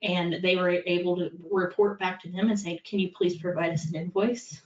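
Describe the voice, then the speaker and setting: A middle-aged woman working in compliance gives a candid, practical presentation, her lowish voice steady and her pace moderate. She's a native English speaker who talks conversationally and fills her speech with plenty of fillers. The recording sounds distant, echoey and dull, as if captured across a room.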